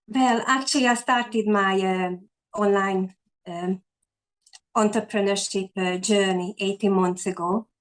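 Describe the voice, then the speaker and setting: The low-quality recording captures a woman from Hungary in her forties, an online entrepreneur, speaking as a guest in a casual video-call interview. In a Hungarian accent she tells her story earnestly, a little slowly, her mid-range voice fairly even, with lots of fillers and false starts.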